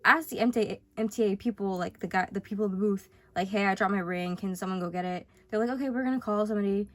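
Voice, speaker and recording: A woman's voice: medium pitch, fast talker, no echo. A young woman talks casually through her sketchbook, rambling and cutting herself off. She is sick, and her voice sits in a middling range for a woman. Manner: chatty, rambling, self-interrupting. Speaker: vlogger.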